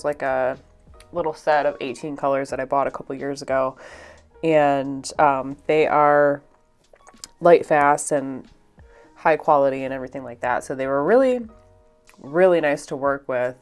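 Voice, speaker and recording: Painting as she talks, this young woman gives a casual, meandering voice-over peppered with fillers and small laughs, her nose audibly stuffed up. The voice is low-pitched and clean in tone.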